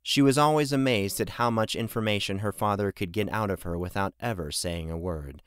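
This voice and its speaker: A man reading fantasy audiobook narration in a measured, even way. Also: on the low side, clean tone, no room sound, studio quality. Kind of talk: scripted narration.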